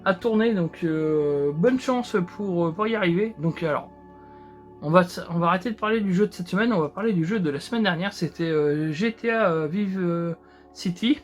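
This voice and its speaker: A man's voice: sits high, a little fast, faint music behind. A man hosting his own show, chatting casually with many hesitations and restarts while he builds a model. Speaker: host.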